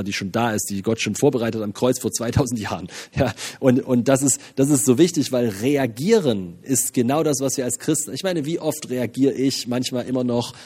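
A man's voice: mid-range voice, slightly rough. A man preaching a sermon with energy, often repeating himself and throwing in "ja". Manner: energetic, many interjections and repeated phrases. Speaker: pastor.

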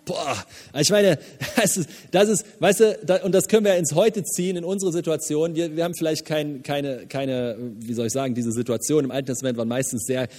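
Pastor, male, somewhat high voice, animated, casual preaching, hall reverb. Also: a little fast. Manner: lively, emphatic preaching with casual asides and laughs. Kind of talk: sermon. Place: church hall.

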